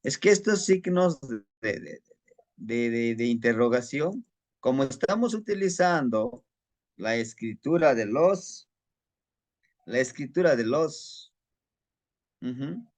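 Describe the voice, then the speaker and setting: A male teacher with a Guerrero Mexican Spanish accent talks through a lesson at a slow, patient pace. His voice sits at an everyday middle pitch, and he often stops, repeats a word, and asks his listeners questions before he answers them himself. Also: lively intonation. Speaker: Nahuatl language teacher. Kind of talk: casual spoken lesson.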